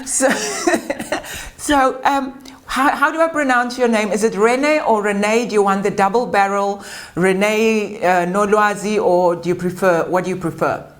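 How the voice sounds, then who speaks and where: A woman's voice: mid-range voice, fairly even intonation, unhurried. A woman hosting a webinar interview, chatty and hesitant, with many fillers. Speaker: webinar host.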